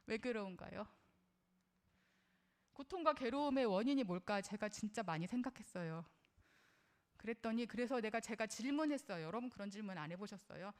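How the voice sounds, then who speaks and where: A woman's voice: medium pitch, expressive, moderate pace, long pauses, darkish tone. A middle-aged woman giving a parenting lecture in an earnest, conversational way, often putting questions to her listeners and drawing on her own life as a mother. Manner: personal, shares her own experience as a mother.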